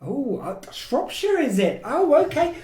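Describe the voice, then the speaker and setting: A woman voicing a cheeky, fast-talking male time traveller who jokes breezily. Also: high-pitched, wildly swooping pitch, mellow, far from the mic, voice pushed up, exaggerated voice. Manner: breezy, joking, fast talk. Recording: echoey room, a little off-mic.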